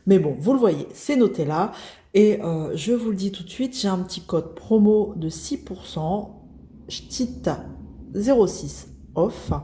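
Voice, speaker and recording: A woman's voice: medium pitch, animated, moderate pace, dark tone, slight background noise. A woman in her thirties from northern France, hosting a casual unboxing video in a chatty, self-deprecating way, with lots of hesitations. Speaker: craft video host.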